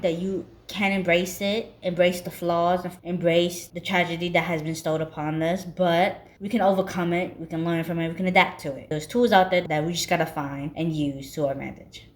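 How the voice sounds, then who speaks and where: A woman's voice: on the low side, darkish tone. Rambling woman vlogger with a sick voice. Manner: rambling, frank, conversational. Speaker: YouTuber. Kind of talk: candid personal vlog.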